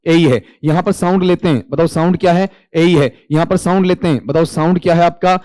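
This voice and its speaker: High-voiced man quizzing his class. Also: fairly even intonation, a little fast, warm tone, no room sound. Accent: Hindi. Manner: quizzing students and answering himself; calls students 'beta'. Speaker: English teacher. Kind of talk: exam-prep lecture.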